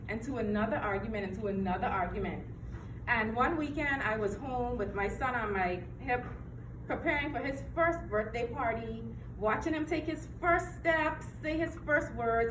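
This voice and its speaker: A woman's voice: a little high, background noise. A young woman from the Bahamas giving an earnest personal testimony to an audience, acting out the words of people in her story. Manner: earnest storytelling with acted-out quotes. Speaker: testimony speaker. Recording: echoey hall, mic from far off. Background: room ambience.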